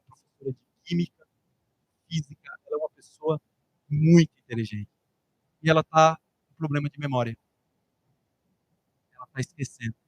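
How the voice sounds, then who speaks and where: High-voiced Brazilian male preacher. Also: rough recording. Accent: Brazilian Portuguese. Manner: storytelling, often repeating words and phrases. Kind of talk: sermon with personal storytelling.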